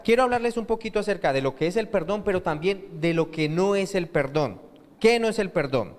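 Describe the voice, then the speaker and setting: A male pastor delivers a sermon, pausing to ask the congregation questions and let them finish his sentences. His voice sits a little high for a man. The sound carries the long reverb of a church hall. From Colombia. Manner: asks rhetorical questions and lets the congregation fill in the answer.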